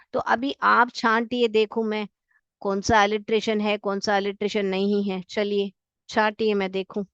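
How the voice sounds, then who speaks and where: A woman teacher with an Indian accent explains alliteration. She reads example sentences slowly and sounds out the letters one by one, asking her students questions and answering them herself. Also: mid-range voice, no echo, lo-fi sound. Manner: addresses students as beta, asks and answers her own questions. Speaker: English teacher. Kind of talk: classroom lesson explaining alliteration.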